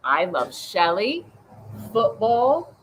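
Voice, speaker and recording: A woman's voice: mid-range voice, slow pace, a little hiss or hum, low-quality recording. A woman reading as a supportive dad. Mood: encouraging. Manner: steady and encouraging. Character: supportive father.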